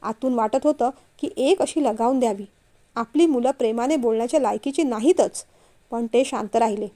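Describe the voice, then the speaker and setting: A woman reading a family novel aloud, expressive and steady. Her voice is high, with a warm, mellow tone. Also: moderate pace. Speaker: storyteller.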